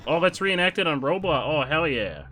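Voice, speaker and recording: A man's voice: a little high, very animated, normal speed, bright, forceful tone. A man streamer reading fan fiction aloud on a live stream, with playful, jokey asides.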